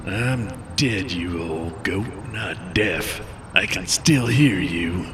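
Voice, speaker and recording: A man's voice: low voice, lively intonation, slow, a bit bright, a little hiss or hum, heavily acted. A man doing a crude old airport ghost. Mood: mocking. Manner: leering, folksy, mocking.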